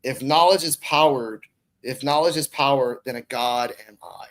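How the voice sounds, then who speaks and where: The audio is poor as a Bronx-born man, himself an online content creator and podcaster, chats casually as a guest on a conversational podcast. He speaks at normal speed with a medium, fairly bright voice, rambling and slangy with swearing thrown in.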